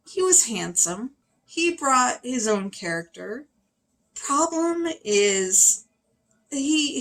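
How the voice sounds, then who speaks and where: A woman reviewing a film in a casual, opinionated way, chatty and animated, with sudden high exclamations. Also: low-quality recording. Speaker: video reviewer.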